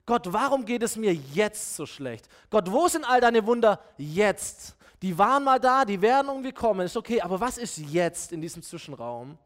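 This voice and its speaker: Gideon, a discouraged ancient man who asks why things have gone wrong, pleading and exasperated, as a preacher plays him. The voice sits high for a man and slows on the questions. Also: big pitch swings, a little mellow.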